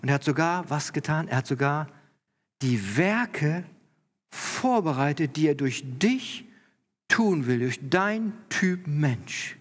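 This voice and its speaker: A male pastor delivers a sermon to his congregation, earnest and explanatory, rising with emphasis when he reads scripture. His voice sits a touch high for a man. The sound carries a long reverb from a church hall. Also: animated, slow pace.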